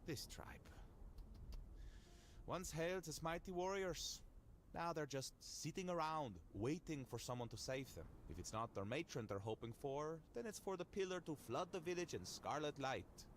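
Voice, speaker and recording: Actor as a wry, animated, enigmatic male outsider. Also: on the high side, normal speed, a little hiss or hum, lightly acted. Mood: amused, disdainful. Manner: wry, theatrical, musing. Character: sardonic, curious, enigmatic male outsider touched by weird magic. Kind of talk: video game character dialogue.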